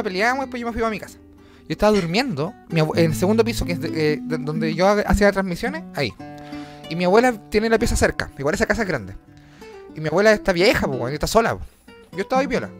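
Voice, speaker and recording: A young Chilean man telling a long story in casual chat, rambling and slangy, swearing and acting out voices. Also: sits high. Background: guitar music.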